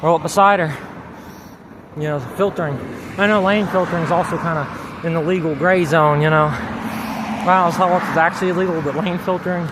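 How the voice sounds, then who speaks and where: A man's voice: fairly high pitch, fairly even intonation, fairly quick. A man rambling profanely in a casual vlog while riding a bicycle outdoors, tired and winded, with filler phrases repeated throughout. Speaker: cycling vlogger. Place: outdoors on a moving bicycle along streets. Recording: loud wind noise on the mic. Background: wind and vehicle noise.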